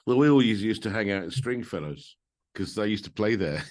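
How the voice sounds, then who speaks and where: A man hosting a casual interview, answering with short reminiscences and quick backchannels. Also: fairly low pitch, expressive, a little mellow. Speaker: interviewer and keyboard player.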